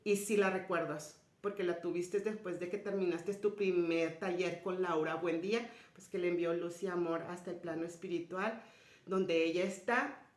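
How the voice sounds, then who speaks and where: A woman giving a spiritual personal testimony to an audience, retelling conversations and often dropping to a soft, low voice. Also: steady tone, moderate pace. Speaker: speaker sharing a personal story. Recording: roomy echoey sound.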